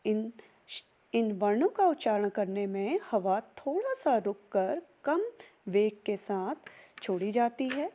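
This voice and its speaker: A woman's voice: mid-range voice, big pitch swings, takes it slowly, warm tone. A young woman giving a recorded grammar lesson, spelling out sounds one by one. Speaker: teacher.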